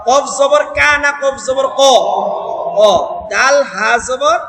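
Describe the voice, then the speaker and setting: A man teaching Quran reading, spelling out syllables and chanting the verse slowly. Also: very high-pitched, gravelly, bright, forceful tone. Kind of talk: Quran reading lesson with recitation. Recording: echoey hall with noise.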